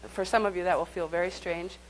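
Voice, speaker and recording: A woman's voice: lowish voice, steady tone, fast talker, heavy background noise. A woman leading a live workshop, speaking conversationally and guiding the group through exercises. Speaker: workshop teacher.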